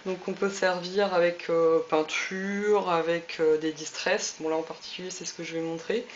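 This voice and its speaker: A woman's voice: fairly low pitch, little pitch movement, moderate pace, highs cut off, a little hiss or hum. A woman hosting a casual craft tutorial, chatting through each step with lots of fillers. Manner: chatty, many fillers and little "hop" cues. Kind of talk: casual demonstration.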